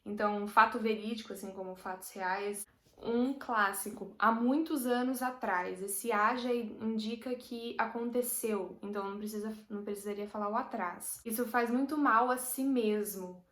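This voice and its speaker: A woman's voice: mid-range voice, steady tone, moderate pace, fairly bright tone. Brazilian woman teaching in an echoey room. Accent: Brazilian Portuguese. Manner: patient, explains with everyday examples. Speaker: Portuguese language teacher. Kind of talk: casual explanatory lesson. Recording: roomy echo.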